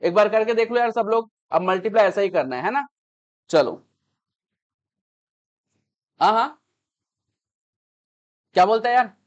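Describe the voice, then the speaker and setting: A man's voice: sits high, lively intonation, moderate pace, dull audio. A man teaching a math class, explaining patiently, repeating each step and checking that students understand.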